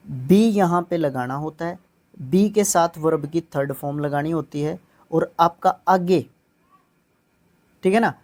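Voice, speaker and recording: Mellow-voiced male exam-prep teacher. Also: fairly high pitch. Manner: explanatory, keeps checking in with "theek hai". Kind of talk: exam-prep English grammar lesson.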